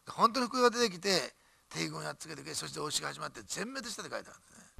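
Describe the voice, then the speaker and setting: Gravelly, bright-voiced man preaching fast. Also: on the high side, no room sound. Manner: animated, emphatic preaching with jokes and asides. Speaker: pastor. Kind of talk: sermon. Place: church.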